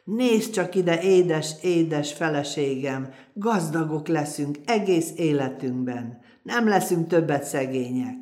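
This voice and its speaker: A woman's voice: low-pitched, expressive, few pauses, darkish tone. A woman telling of a humble poor peasant man, earnest and plain. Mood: overjoyed. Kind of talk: folk tale storytelling.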